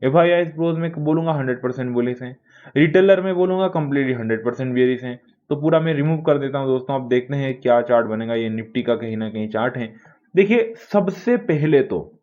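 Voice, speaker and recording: A man's voice: medium pitch, a little fast, dull audio. A man giving a casual talk that analyses the stock market, chatty and repeatedly addressing his viewers as friends.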